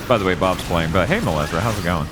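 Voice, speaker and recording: Over music, an American man hosts a game stream, chatting casually about the gameplay, joking, laughing often and swearing. His voice is low-pitched, expressive and fast.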